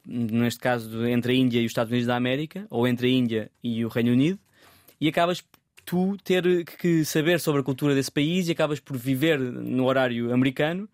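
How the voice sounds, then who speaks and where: Speaking fairly quickly at a middle pitch, a male photographer guest in a relaxed interview sounds a bit mellow and thoughtful. He frequently breaks off mid-thought and repeats words as he hunts for them, recorded dry and close to the mic without any echo.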